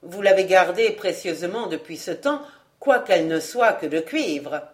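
A woman's voice: on the low side, close to an everyday voice. Woman voicing an insolent ironic male valet. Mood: mocking. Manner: mocking, unhurried, calm.

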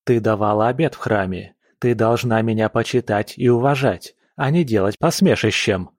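A man's voice: lowish voice, moderate pace, no echo, studio quality, close to an everyday voice. A man playing a blustering arrogant husband. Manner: shouting, rude, blustering.

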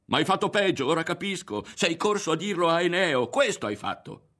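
A man reading an audiobook, voicing an angry, suspicious teenage boy who shouts accusations. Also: medium pitch, animated, normal speed, voice pushed up, natural voice. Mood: furious.

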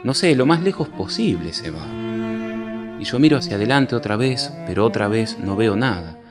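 Guy telling a dreamy story, lowish voice, soft cello behind. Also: big pitch swings, moderate pace. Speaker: narrator. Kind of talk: poetic story narration. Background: soft cello music.

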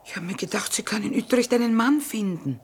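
A woman's voice: fairly high pitch, expressive, brisk, lightly acted. An actress playing a tough, stubborn middle-aged mother who trades from a wagon, blunt and commanding in a radio drama. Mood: restrained defiance. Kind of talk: stage-like radio drama acting.

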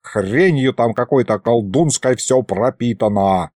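A man voicing a self-important male ghost sorcerer who grumbles and explains gravely. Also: medium pitch, a little slow, a little mellow, dry recording, studio quality, natural voice. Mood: explaining.

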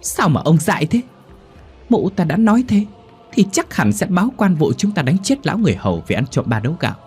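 A high, sharp-tongued village wife who nags and wheedles in quick bursts, voiced by a male narrator. She sounds scheming and pushy. Soft music runs faintly behind her. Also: very animated, husky, full character voice. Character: scheming wife Hoa, middle-aged woman.

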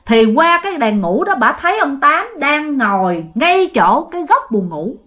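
Woman storyteller, Southern Vietnamese accent, ghost story, chatty, animated pitch, fairly high voice. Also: normal speed. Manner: chatty, addresses listeners directly. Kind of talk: spoken ghost story telling.

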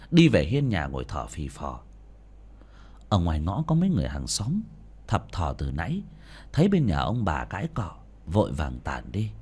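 A man's voice: lowish voice, breathy edge. A man narrating an audiobook story dramatically. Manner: dramatic, expressive.

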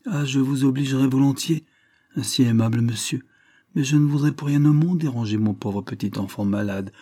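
A man's voice: mid-range voice, brisk, warm tone, pitched above the performer's own voice, close to an everyday voice. A man voicing a sly, lying old peasant widow who whines and pleads. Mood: whining pleading.

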